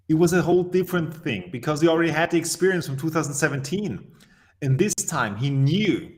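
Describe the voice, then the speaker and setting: A man from Austria, answering as an interview guest and telling stories emphatically with measured pauses. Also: on the high side.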